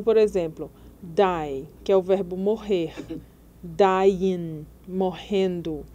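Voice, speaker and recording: A woman gives an English grammar lesson at a slow, unhurried pace. Her voice has a mellow, darker tone. She explains each rule patiently and spells out letters one by one. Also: mid-range voice. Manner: patient, spells out letters and repeats example words slowly. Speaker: English teacher.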